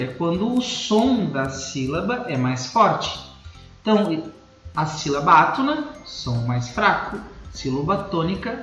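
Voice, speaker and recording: A man with a Brazilian Portuguese accent teaching a recorded school lesson, explaining slowly and repeating key points. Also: sits high, a bit bright, reverberant, rough recording.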